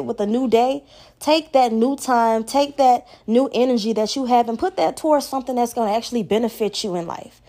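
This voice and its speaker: A young woman hosting a solo podcast, giving blunt, profane advice in casual talk. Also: mid-range voice. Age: young adult. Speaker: podcast host.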